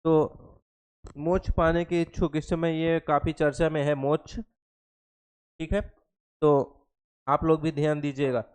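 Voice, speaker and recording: A young male teacher runs an exam-prep Hindi lesson, mixing English terms into his Hindi. He repeats each definition several times and keeps quizzing his students. His voice is smooth and clear, pitched a little high for a man. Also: level tone, a little slow, pauses often, darkish tone. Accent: Hindi with English terms mixed in. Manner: repeats each definition, asks the class questions.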